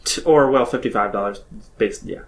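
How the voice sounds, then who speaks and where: A man's voice: mid-range voice, moderate pace, a little hiss or hum. A man co-hosting a gaming news podcast, chatting with enthusiasm and restarting his sentences. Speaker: podcast co-host. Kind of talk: casual chat.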